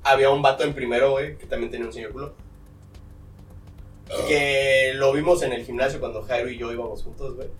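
A man's voice: medium pitch, fairly even intonation, a little fast. A young man with a Mexican accent, co-hosting a podcast in casual, slangy chat and telling stories with frequent laughter. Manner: slangy, storytelling, laughs often. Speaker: podcast co-host. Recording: roomy, mic at a distance.

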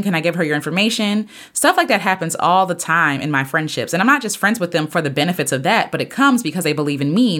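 A woman in her thirties hosting a podcast, talking earnestly and preachily in a casual motivational monologue, with sudden jumps up in pitch. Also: fairly bright tone. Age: 30s. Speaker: podcast host and singer.

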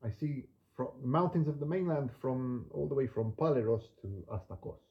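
A podcast host speaks in a relaxed monologue, gentle, unhurried and reflective, with endings that trail off softly. He reads poetry including some Greek words with a non-native learner's pronunciation. His voice is medium-pitched and the recording is muffled.

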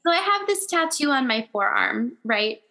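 A woman's voice: high-pitched, sing-song, normal speed, creaky, bright, forceful tone, poor audio. A woman in her thirties hosting a podcast, chatting earnestly and laughing often. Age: 30s. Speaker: podcast host. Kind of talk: casual chat.

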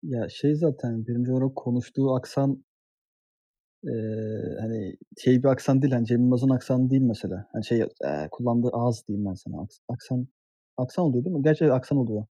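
A man's voice: medium pitch, brisk, warm tone, no echo. A man chatting casually on a podcast, hesitant, with many fillers and restarts. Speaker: podcast co-host. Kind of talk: casual chat.

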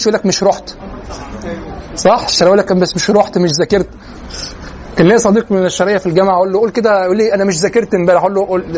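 A man's voice: sits high, a little mellow. A man with an Egyptian accent giving a classroom lecture, moving between colloquial and formal Arabic and checking in with his students as he explains. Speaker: lecturer in Quranic sciences. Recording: dull lo-fi room recording with faint noise.

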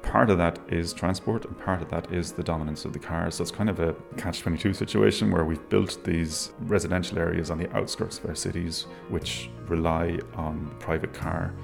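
A man's voice: low voice, fairly even intonation, brisk, gravelly, few pauses, faint music behind. A middle-aged man with a west of Ireland accent, talking reflectively as an interview guest. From Galway, west of Ireland.

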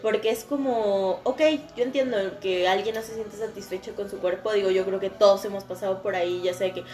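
A woman's voice: medium pitch, steady tone, brisk, a little mellow. A young woman with a Mexican accent in casual podcast chat, frank and slangy, swearing freely. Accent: Mexican Spanish. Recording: echoey room with faint music.

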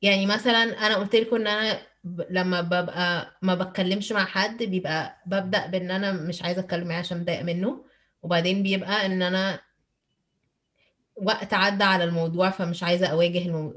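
A woman's voice: on the low side, fairly even intonation, fast, fairly bright tone. A woman with an Egyptian accent who switches between Arabic and English mid-sentence, posing questions in a casual, reflective discussion. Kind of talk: casual reflective group chat.

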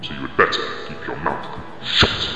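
A man voicing a cold, scheming demon lord who makes threats with lordly calm. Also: very deep voice, moderate pace, exaggerated voice. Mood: menacing. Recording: echoey, reverberant lo-fi with music.

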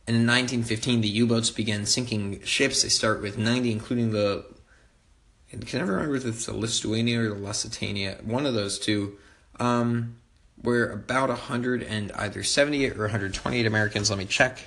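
A man's voice: medium pitch, brisk, fairly bright tone, roomy sound. A man giving a casual history lecture, talking loosely with many fillers and wry asides. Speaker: history tutor.

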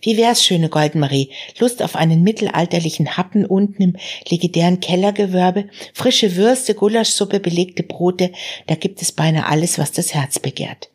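Female reader voicing a cheerful tipsy young man, easygoing, low husky tone. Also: normal speed, darkish tone.

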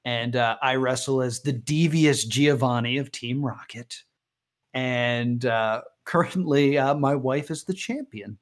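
A man, a comedian and wrestler, talking casually in an interview and telling stories with lively quoted voices. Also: a little slow. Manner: animated storyteller, voices quotes with big pitch jumps. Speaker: guest comedian.

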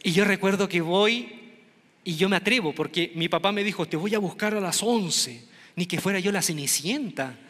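A middle-aged man from Chile tells a funny story on stage, animated and acting out the voices of everyone in it. His voice sits high and bright, with a forceful edge. It rings out with the long reverb of a big hall. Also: moderate pace. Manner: animated, acts out quoted voices. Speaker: stand-up comedian. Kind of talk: comic storytelling to an audience.

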